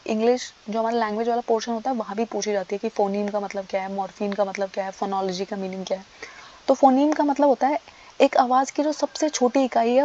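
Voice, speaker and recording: A woman teacher rattles through an exam-prep lecture at high speed. Her voice sits a little high yet sounds mellow, and she keeps asking questions and answering them herself. The audio is dull and lo-fi.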